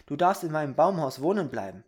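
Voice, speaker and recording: A storybook reader voicing a small, wide-eyed boy who asks and wishes for things in an excited, eager way. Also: mid-range voice, fast talker, natural voice.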